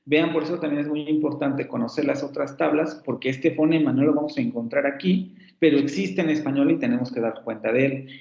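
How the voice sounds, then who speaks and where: A male phonetics professor with a Mexican Spanish accent, teaching an online class and explaining step by step, repeating example words slowly. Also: medium pitch, vocal fry, a little mellow. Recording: echoey, muffled lo-fi class recording.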